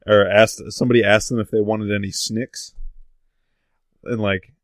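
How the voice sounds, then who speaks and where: A man tells a story to friends in a rambling, easygoing way, full of ums and uhs. His voice is fairly low. The recording is dry and close. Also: level tone, fast, no echo. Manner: rambling, many fillers. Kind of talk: casual chat.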